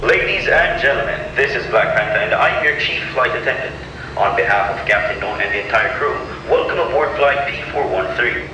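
A man's voice: medium pitch, lively intonation, brisk, lightly acted. A man playing a chief flight attendant, giving a formal, scripted cabin announcement. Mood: formal, welcoming. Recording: distant, very echoey, noisy cabin-like sound.

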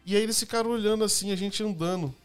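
A young man telling personal stories in a casual podcast chat, lively, laughing, and acting out the people he quotes. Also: sits high, rapid-fire, clear, resonant tone, faint music behind. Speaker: youtuber and podcast guest.

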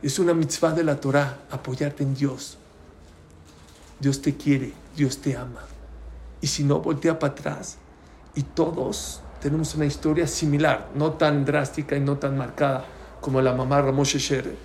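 A man's voice: medium pitch, flat delivery, unhurried, darkish tone, slight background noise. A man, a rabbi giving a storytelling sermon who keeps asking his listeners questions. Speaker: rabbi teaching a Torah class.

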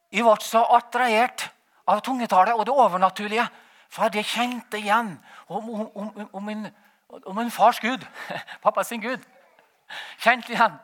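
Man, very high voice, bright and tense tone, rambling spoken testimony, chuckles often. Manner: animated, rambling, frequent "vet du" tag; laughs while telling. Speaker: testimony speaker. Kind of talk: personal testimony.

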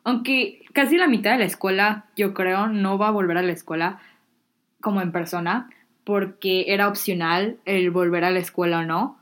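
With a medium-pitched voice, a steady tone, and a moderate pace, a Mexican teenage vlogger addresses her viewers to camera. She chats candidly in a Mexican Spanish accent, peppering in slang and making fun of herself.

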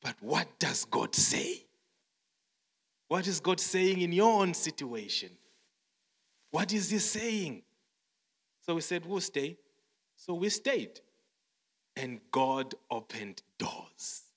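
A Zimbabwean man preaches a sermon with testimony in a slightly high, very animated voice, speaking slowly with long pauses. He repeats phrases, quotes songs and often stammers and restarts his words. The hall gives a long reverb.

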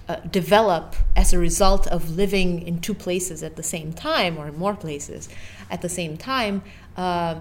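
Academic guest: woman in her thirties, lower voice, measured and hesitant. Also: slight background noise. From Romania. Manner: thoughtful, hesitant, many fillers and restarts. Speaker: political science professor, podcast guest. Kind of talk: podcast interview answers.

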